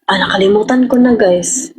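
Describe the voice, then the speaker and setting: A woman's voice: mid-range voice, moderate pace, darkish tone, slight background noise, poor audio. A young woman with a Filipino accent, chatting casually on a livestream and rambling as she answers viewers' comments. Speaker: livestream host.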